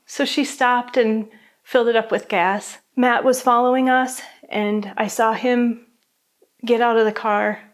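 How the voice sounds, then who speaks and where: A middle-aged woman giving documentary interview testimony as a bereaved mother, speaking softly and reflectively with halting pauses. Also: fairly high pitch. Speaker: bereaved mother telling her story.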